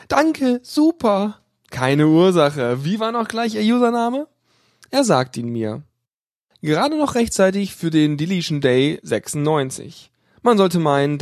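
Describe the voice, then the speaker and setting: A man's voice: a little high, darkish tone, no echo, clean studio sound. A man reading a humorous first-person story in a sardonic, smug, mock-helpful way. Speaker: narrator.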